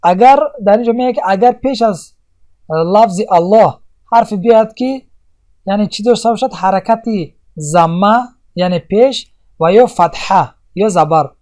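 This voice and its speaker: Man, lesson voice-over, high-pitched, mellow, hesitant pauses. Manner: patient, repetitive teaching with many pauses and fillers. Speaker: Quran recitation teacher. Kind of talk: explaining tajweed rules in a lesson.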